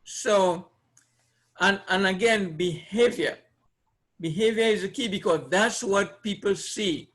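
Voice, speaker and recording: High-voiced and a little bright, a Caribbean presenter from Trinidad talks at a slow pace while teaching a live audience. His informal seminar style involves repeated phrases and questions aimed at listeners, and he speaks with a Trinidadian accent.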